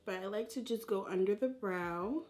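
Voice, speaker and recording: A woman with a mid-pitched voice gives a relaxed-format makeup tutorial. She talks informally to her viewers as she applies products, using plenty of slang and chatting as if to friends. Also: normal speed. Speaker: beauty vlogger.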